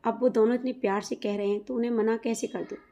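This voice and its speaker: Figure: jealous, scheming young wife, read by a woman narrator. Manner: pushy and demanding. Tone: mellow, low brightness. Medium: storybook reading. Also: fairly even intonation, quick pace, close to an everyday voice.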